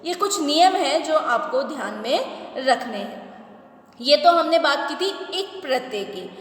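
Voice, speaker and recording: Woman teacher, high voice, slow and patient, checks understanding often; echoey room with long reverb. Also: expressive, a bit bright. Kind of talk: grammar lesson.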